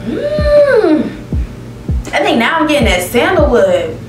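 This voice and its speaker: Music plays behind a young woman reviewing perfumes on camera from her indoor living room full of plants. As a beauty vlogger, she reads descriptions aloud and reacts expressively with laughs, speaking slowly in a voice that sits high. She is recorded from a distance, the set-back mic giving a roomy echo.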